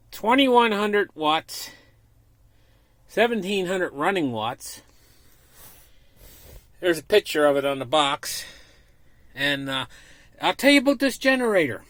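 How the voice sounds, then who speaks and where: A man with a fairly high, very lively voice talks off the cuff inside a small camper trailer. He walks through a product casually, in a folksy, repetitive way. His tone rises and falls freely as he presents. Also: no room sound. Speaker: vlogger presenting a product unboxing. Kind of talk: casual unscripted product walkthrough.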